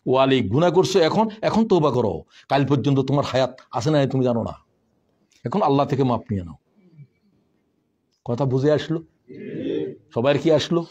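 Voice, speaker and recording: A man preaching a fiery sermon. He swings from shouted rebukes to low, solemn asides and keeps questioning his audience. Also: lively intonation, moderate pace, long pauses, muffled recording. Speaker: Islamic preacher.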